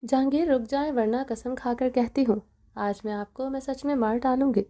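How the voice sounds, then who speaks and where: A woman's voice: high-pitched, fairly even intonation, mellow, natural voice. A woman voicing a young wife who confronts her husband emotionally in an audio novel reading. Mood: defiant. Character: young wife, hurt and defiant.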